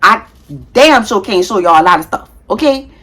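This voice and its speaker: A woman in her thirties vlogging straight to her viewers, frank and slangy, calling them y'all. She talks quickly with a heavy tongue and now and then trips over a word and corrects herself. Her pitch sits in a middle range for a woman. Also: lively intonation, a bit bright. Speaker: nurse and content creator. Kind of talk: casual vlog talk to viewers.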